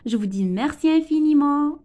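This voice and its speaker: A woman teacher going through French grammar examples, reading each sentence aloud and then quickly translating it into Arabic. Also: high voice, animated, mellow. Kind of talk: grammar lesson explaining sentence types.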